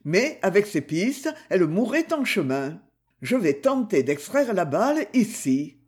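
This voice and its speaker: A man's voice: sits high, big pitch swings, unhurried, a little mellow. A man reading the lines of a blunt, grumbling army doctor in an audiobook. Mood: gruff. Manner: grumbling, curt.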